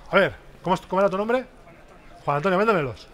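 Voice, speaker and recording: This is a man in his thirties whose voice sits high and moves quickly. He's presenting an interactive business workshop in a large exhibition hall, headset mic on, frequently quizzing listeners with animated questions and lots of tag questions.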